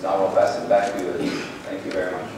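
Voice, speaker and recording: A man giving a conference keynote in a large ballroom, speaking haltingly with many restarts. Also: deep voice, monotone, very noisy. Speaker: company president giving a keynote. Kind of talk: conference presentation. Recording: echoey ballroom from far off.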